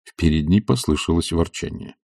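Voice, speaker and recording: A man narrating a classic novel calmly, in a dry, close recording. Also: deep voice, fairly quick, creaky, no room sound. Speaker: audiobook narrator. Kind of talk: scripted narration.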